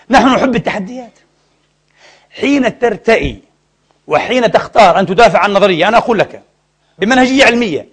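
Male preacher, high and brisk, emphatic sermon with rhetorical questions. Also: breathy edge. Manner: storytelling with asides and jokes.

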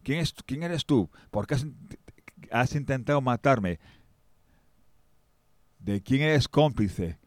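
A man's voice: mid-range voice, lively intonation, takes it slowly, pauses often, no echo. A man voicing a stern, angry king who interrogates a would-be assassin with threats.

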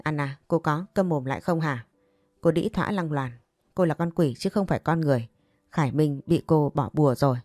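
A woman voicing a composed young wife with a sharp tongue who cuts her rival down, in a narrated story. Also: low voice, a little fast, dry recording, clean studio sound, lightly acted. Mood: furious. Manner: cool and cutting.

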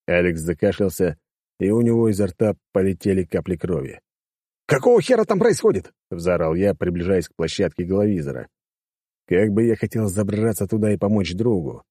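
A man's voice: low voice, normal speed, warm tone, no echo, studio quality. A man reading a first-person audiobook in a casual, crude, wisecracking manner. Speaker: audiobook narrator.

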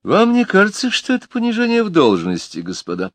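A man's voice: high-pitched, huge pitch swings, a little fast, no room sound, pitched above the performer's own voice. A man voicing a sardonic older male boss in an audiobook, with a dry, ironic way of talking. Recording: dry close studio sound.

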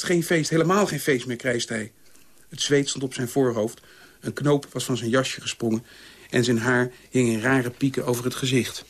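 A man reading a personal memoir aloud in a calm, measured way. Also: mid-range voice, breathy edge. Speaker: reader.

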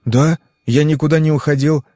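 A man's voice: on the high side, steady tone, normal speed, dark tone, dry recording, clean studio sound, voice pushed up, natural voice. Man voicing a flustered businessman father. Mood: worried. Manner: nervous, eager and fussy.

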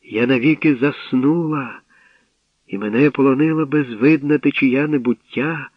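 Man doing quiet sorrowful young woman Eurydice, storybook, dull audio. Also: medium pitch, measured pace, no room sound, voice pushed up, close to an everyday voice.

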